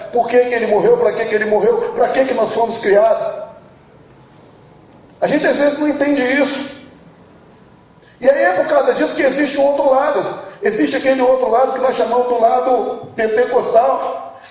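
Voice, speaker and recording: A man's voice: very high-pitched, fairly even intonation, moderate pace. A man with a Brazilian accent, preaching a sermon as pastor and telling a joke with voices. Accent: Brazilian Portuguese. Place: church hall. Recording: very echoey church hall.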